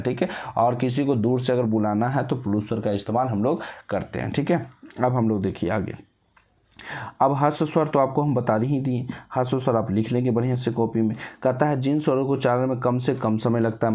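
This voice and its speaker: A man teaching an exam-prep class at a medium pitch. He keeps asking questions and answering them himself. He stretches vowels slowly to show their length. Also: mellow.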